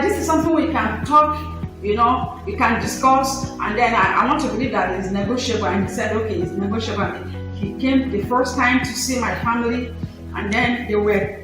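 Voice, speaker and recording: A woman in her thirties giving an emotional, halting personal testimony, often breaking off to apologize. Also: a little high, heavy reverb, distant mic, low-quality recording. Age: 30s. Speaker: interviewee.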